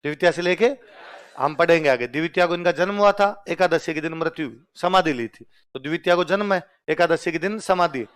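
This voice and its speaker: A man's voice: a little high, fairly quick, a bit bright, clean tone. Man quizzing students in a lecture. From Rajasthan. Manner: quizzes listeners with call-and-response questions. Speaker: teacher. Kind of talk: exam-prep lecture.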